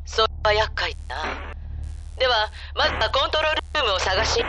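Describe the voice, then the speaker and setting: Actor as military major, cool, formal, clipped, authoritative, audio drama, clearly noisy recording. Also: medium pitch, sing-song, brisk, lightly acted. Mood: cool, focused.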